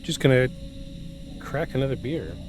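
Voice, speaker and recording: Background noise sits under a man in his forties hosting a podcast, his medium-pitched voice sing-song at normal speed. He drifts between scripted narration and light, self-deprecating joking chat.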